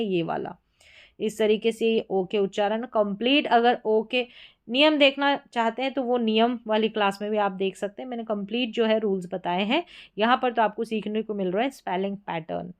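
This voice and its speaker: Female teacher for a spelling lesson, clear smooth voice, patient and repetitive delivery. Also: medium pitch. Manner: steady explaining, repeats example words. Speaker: English teacher. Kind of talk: spoken lesson on spelling patterns.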